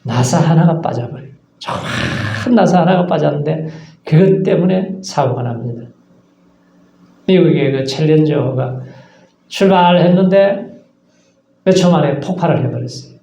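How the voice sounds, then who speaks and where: A man's voice: fairly high pitch, normal speed, vocal fry, pauses often, dark tone. A man preaching a sermon as pastor, earnest, asking rhetorical questions and acting out short asides. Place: church sanctuary. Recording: echoey church sanctuary.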